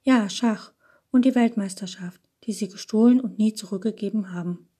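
A woman's voice: medium pitch, normal speed, dark tone, breathy edge, lightly acted. A woman voicing a threatening, fanatical male waiter holding a pistol, hard-edged and menacing.

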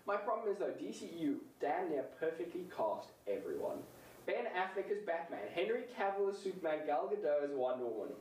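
A man chatting casually about comics and films, animated and laughing often as he acts out lines. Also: a little high, a little fast. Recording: roomy, distant mic, faint noise.

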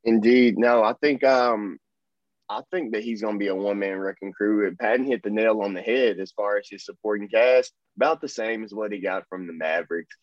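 A man's voice: on the low side, fairly quick, dry recording. A man talking basketball in a casual sports chat, upbeat and full of hype with plenty of fillers. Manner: enthusiastic, hyping, trails off with fillers. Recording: dull, dry lo-fi sound.

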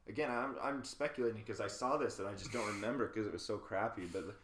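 A man with a lowish voice tears into bad films in blunt, swear-laden chat, laughing often. The room has a noticeable echo around him. It sounds like friends talking on a podcast. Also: fast, a bit bright. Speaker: podcast co-host. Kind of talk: casual film chat.

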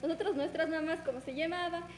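A young woman in her twenties chatting casually, recalling school days with quick laughing asides. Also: extremely high pitch, steady tone, reverberant, in a large hall, slight background noise. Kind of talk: casual chat.

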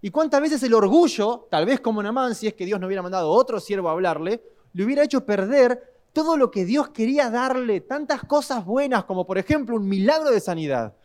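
A young man with a Rioplatense Spanish accent preaching a sermon, telling stories dramatically and swinging between loud and hushed delivery. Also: extremely high pitch, lively intonation, brisk. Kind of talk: sermon with storytelling.

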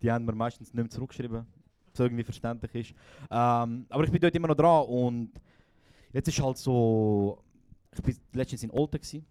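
A man's voice: mid-range voice, a little fast, mellow, smooth, no room sound. A young man with a Swiss German accent, a podcast host telling a comic story at a live show, slangy and laughing often.

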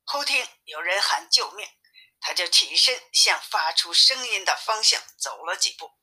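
A woman reading a classic story aloud in a lively manner, shifting her voice for each character. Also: mid-range voice, moderate pace, slightly rough. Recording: tinny phone-like sound.

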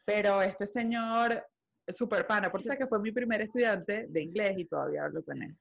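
Lively Spanish-speaking woman telling a story. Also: mid-range voice, brisk, creaky. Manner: animated storytelling, acts out her own past lines. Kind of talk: casual chat. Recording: dull lo-fi sound.

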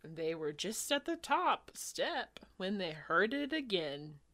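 A woman's voice: medium pitch, very animated, takes it slowly, fairly bright tone. A woman reading a children's book aloud to a friend with dramatic narration. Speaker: reader.

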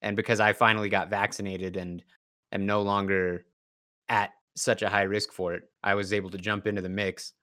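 A tired man, slightly hoarse from yelling, hosting a podcast in casual chat. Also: lowish voice, flat delivery, moderate pace. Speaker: podcast host.

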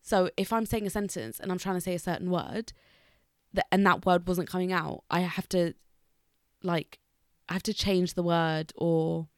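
A young woman in casual conversation, speaking haltingly with long pauses between sentences, many restarts and words that get stuck. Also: fairly low pitch, no room sound, clean studio sound. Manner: hesitant, with many restarts and fillers.

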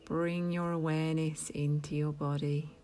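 A woman leading a guided meditation, speaking softly in a half-whisper with long pauses. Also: low-pitched, level tone. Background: soft music.

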